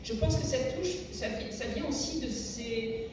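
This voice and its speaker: A woman's voice: fairly high pitch, measured pace. Reflective French woman in an echoey hall. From France. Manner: reflective, searching for words. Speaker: speaker at a literary tribute. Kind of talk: public talk with readings. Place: large echoey hall at a public event. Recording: echoey hall, distant mic, noisy.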